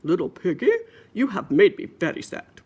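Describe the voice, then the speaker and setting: A stern, fuddy-duddy father pig, played by a woman reading a storybook. The scolding is loud and emphatic, swinging widely in pitch with a husky edge. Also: lively intonation, normal speed. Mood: exasperated.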